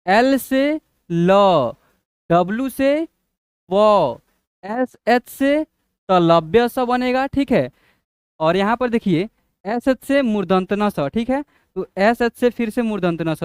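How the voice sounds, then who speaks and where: Man, teacher, slow letter drills, smooth voice, dry close sound. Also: sits high, dry recording. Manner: slow, drawn-out letter drills, often asking 'what will it make?'. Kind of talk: classroom-style lesson.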